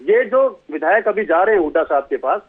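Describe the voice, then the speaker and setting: A man's voice: high-pitched, animated, a little fast. A man from Haryana, speaking as a party spokesman in a TV political debate, telling folksy anecdotes. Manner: folksy, tells anecdotes with acted quotes. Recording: tinny phone line.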